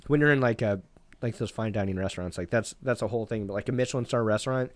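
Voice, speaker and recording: A young man, a private chef, chatting casually on a podcast in a relaxed, rambling way full of fillers. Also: on the low side, quick pace, dry recording. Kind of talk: casual interview chat.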